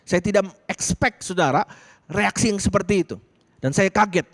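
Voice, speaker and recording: A man's voice: sits high, normal speed. A male pastor preaching a sermon, telling personal stories and constantly addressing his listeners directly. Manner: lively storytelling, addresses listeners as "saudara" constantly. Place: church worship service streamed online.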